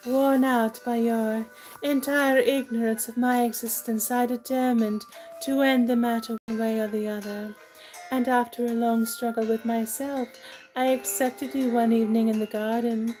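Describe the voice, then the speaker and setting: A woman's voice: fairly high pitch, level tone, unhurried, mellow, faint music behind, close to an everyday voice, rough recording. A woman playing a self-assured, whimsical young lady in a comic stage play, prim, chiding and matter-of-fact.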